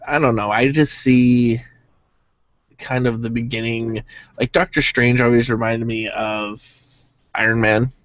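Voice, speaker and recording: A man's voice: medium pitch, level tone, a little slow, long pauses, a bit bright, dry recording. A man with a mid-range voice chats on a podcast, skeptical and dismissive. The audio is dry and dull, with a lo-fi sound. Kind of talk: casual chat.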